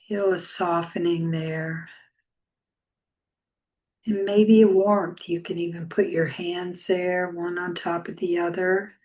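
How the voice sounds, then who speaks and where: With a voice on the low side, a woman teaching yoga talks listeners through a guided meditation. She stays soft and soothing, taking long, unhurried pauses.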